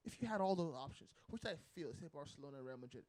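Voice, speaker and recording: A man with a somewhat high voice co-hosts a casual podcast chat. He talks in an animated way, laughs and curses, and often trails off mid-sentence. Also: fast talker, dry recording. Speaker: podcast co-host.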